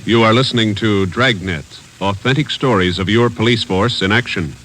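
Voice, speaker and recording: A man's voice: on the low side, normal speed, over loud music. A man announcing a 1950s radio show with a formal, declarative delivery.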